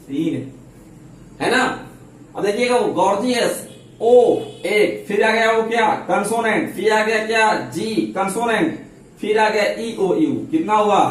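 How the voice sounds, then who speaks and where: High-voiced Hindi-accented teacher, echoey room. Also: male voice. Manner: keeps asking questions and answering them himself; calls listeners babu and chhotu affectionately. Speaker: English grammar teacher. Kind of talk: classroom-style grammar lesson. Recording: very echoey room, mic at a distance.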